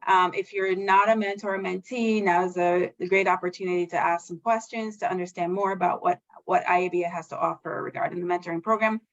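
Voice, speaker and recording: Speaking fast with hardly any pauses, a woman hosts a virtual panel as facilitator; she's also a board member. Her lowish, steady voice is friendly and chatty, full of fillers, over slightly dull video call sound.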